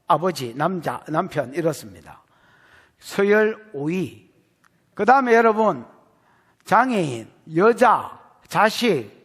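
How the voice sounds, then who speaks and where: Animated Gyeongsang-accented pastor in echoing hall. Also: male voice, high-pitched, husky. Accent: Gyeongsang Korean. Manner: animated, jokey, quizzes the congregation. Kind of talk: sermon. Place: church sanctuary.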